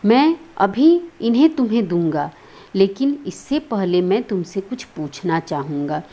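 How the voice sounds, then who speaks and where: A woman voicing an angry male master of the house who scolds loudly, nearly shouting. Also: medium pitch, sing-song, unhurried. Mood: lecturing.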